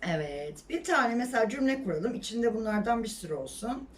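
A woman whose first language is Turkish, teaching English pronunciation in a lively way and repeating words slowly to model them. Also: on the high side, distant mic. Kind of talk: pronunciation lesson.

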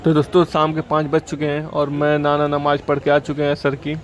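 A man's voice: fairly high pitch, monotone, a little fast, rough recording. Young man vlogging over street noise. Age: young adult. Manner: chatty, running commentary while riding and shopping. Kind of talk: casual vlog narration. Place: outdoors in a village and market. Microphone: camera at arm's length. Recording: loud street noise behind.

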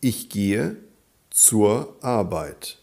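A man teaching a grammar lesson, reading sentences aloud slowly and clearly and repeating each answer. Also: fairly low pitch, very animated, warm tone. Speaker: German teacher.

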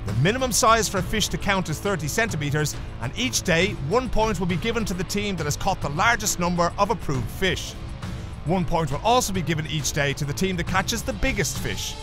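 A man's voice: sits high, expressive, a little fast, music in the background. A man narrating a fishing competition show in a scripted, announcer-like way. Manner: announcer-like, emphatic introductions.

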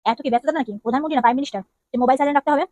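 A woman's voice: high-pitched, a little mellow, no room sound, natural voice. A woman acting a jealous, nagging young wife in a comedy skit, firing off scolding questions. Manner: scolding, interrogating with rapid questions.

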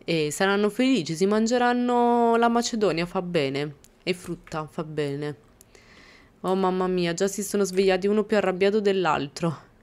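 A young woman runs a casual let's-play for her gaming channel, talking over the game and scolding the characters with mock exasperation. Her voice is smooth, mid-range, and darkish, at normal speed.

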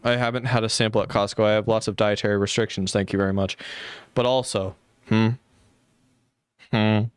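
A man's voice: lowish voice, level tone, fairly quick, clean tone, dry recording, clean studio sound. A man reacting to a video on a live stream, sarcastic and swearing as he talks to his chat. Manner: sarcastic, profane asides to chat.

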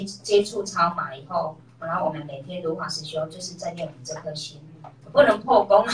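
A middle-aged woman shares a personal story with a class, acting out the voices of the people in it. She is heard from some distance across an echoey room. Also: mid-range voice. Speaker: class member sharing a story. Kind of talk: personal testimony.

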